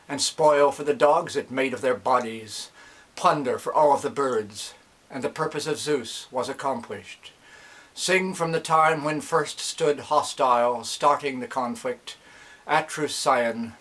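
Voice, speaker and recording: Slow, measured man reciting dactylic epic verse. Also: mid-range voice, fairly bright tone, rough recording. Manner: measured, metrical, declamatory. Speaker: reciter, narrator.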